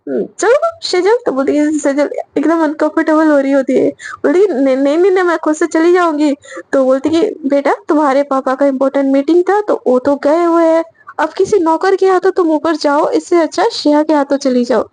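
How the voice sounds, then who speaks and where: A woman's voice: sits high, fairly quick, darkish tone. A woman casually narrating a romantic story in a chatty way, slipping into each character's lines.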